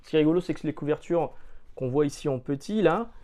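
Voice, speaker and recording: A man's voice: on the high side, animated, quick pace, warm tone. Chatty French man reviewing comics. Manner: chatty, many hesitations and fillers; jokey, loose slang.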